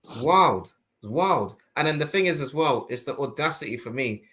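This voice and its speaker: A man hosting a casual podcast discussion, talking in animated rhetorical bursts. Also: medium pitch, moderate pace. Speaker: host.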